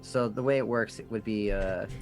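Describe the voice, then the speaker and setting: A man's voice: on the low side, normal speed, faint music behind. A young man chatting casually on a stream, laughing easily and explaining things with hesitant fillers. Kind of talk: casual chat on a live stream.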